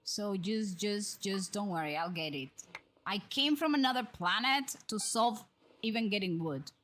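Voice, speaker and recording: A woman livestreams a game with background music, her mid-range, slightly bright voice expressive and a little slow. There's a faint hiss or hum, and she talks casually to viewers, often checking in with tag questions.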